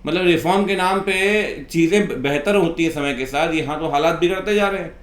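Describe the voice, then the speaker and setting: Speaking a little high and fairly quickly, a man who teaches accountancy and hosts videos rants with exasperation, scolding through one rhetorical question after another. The room he's in is echoey.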